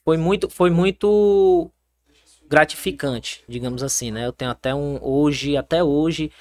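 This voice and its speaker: Young Brazilian soldier guest, lively storyteller who restarts often. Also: male voice, a little high, a little slow. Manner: animated storytelling, many fillers and restarts. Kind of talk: casual interview.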